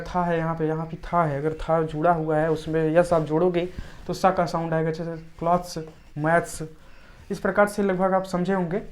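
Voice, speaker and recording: Low-voiced female teacher who explains patiently and drills example words by repeating them. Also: darkish tone. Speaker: English pronunciation teacher. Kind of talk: explanatory lesson.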